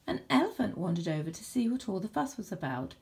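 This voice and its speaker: Lively lady reading a kids story, bouncy voice with some gravel in it. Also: medium pitch, fast. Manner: animated, expressive. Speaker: storybook reader. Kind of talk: children's story read-aloud.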